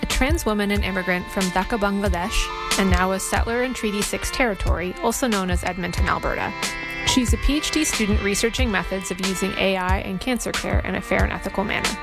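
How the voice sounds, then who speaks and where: A woman podcast host reading a scripted introduction and asking calm, measured questions. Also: mid-range voice, gravelly. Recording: guitar music behind intro.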